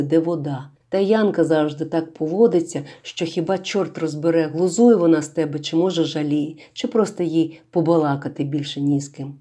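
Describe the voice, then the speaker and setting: A woman calmly reading a literary story aloud as narrator. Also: low-pitched, slightly rough.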